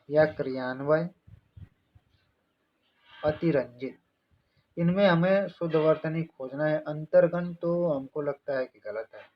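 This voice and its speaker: A man of ordinary pitch teaches an online exam-prep lesson. He works through each item step by step, repeating each answer and quizzing his listeners with rhetorical questions. The recording is a bit dull and lo-fi.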